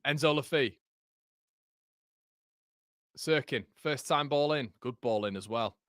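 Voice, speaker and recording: This Yorkshire man speaks slowly in a mid-range, fairly bright voice while commentating a live football watchalong. He calls the action, reads the live chat, talks with viewers between moves and laughs at his own gags. The studio recording is clean, without room sound.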